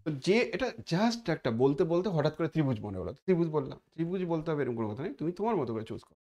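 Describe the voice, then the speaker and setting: A man's voice: on the high side, big pitch swings, fast talker, dark tone, lo-fi sound. A man giving a conversational exam-prep lecture as a teacher, repeating points and mixing in English terms.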